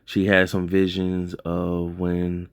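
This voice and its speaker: A man with a deep, low-pitched voice talks through a TV episode recap in a relaxed, unscripted way. He rambles and corrects himself, leaning on fillers and "like". The sound is dry and close, with no room around it. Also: takes it slowly, clear, resonant tone, no room sound. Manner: loose and rambling, heavy on fillers and self-corrections. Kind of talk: casual spoken recap.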